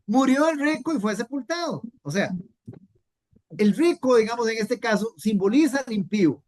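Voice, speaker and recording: A woman's voice: on the high side, expressive, moderate pace, darkish tone. A woman teaching a Bible class in an earnest way, repeating key points and asking rhetorical questions.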